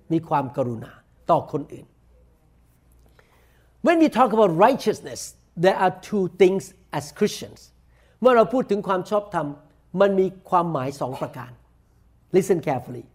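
A man with a Thai accent preaching a sermon, saying each point in slow, deliberate English and then repeating it quickly in Thai. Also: high-pitched, a little mellow. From Thailand. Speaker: pastor. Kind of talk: bilingual sermon, self-translating.

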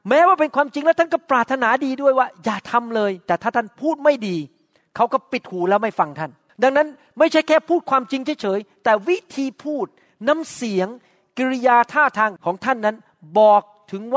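A man's voice: high-pitched, a bit bright, no echo, clean studio sound, big-room sound. A middle-aged man preaching a sermon, earnest, acting out short quoted exchanges. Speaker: pastor.

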